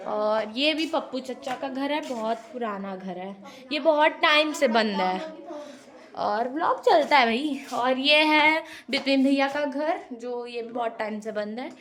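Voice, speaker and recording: A woman's voice: high voice, unhurried, a bit bright. A young woman vlogging a casual home tour, chatting playfully to viewers while she walks through a family house. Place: family house, indoors and courtyard. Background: family members talking around her.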